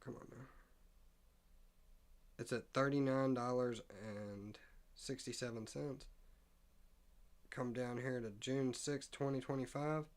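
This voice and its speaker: A man's voice: medium pitch, steady tone, slow, pauses often. Casual man reading stock numbers. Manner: thinks aloud, reads figures off the screen; reads text aloud with stumbles and asides. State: hiccuping. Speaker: stock market streamer. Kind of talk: casual live stream commentary.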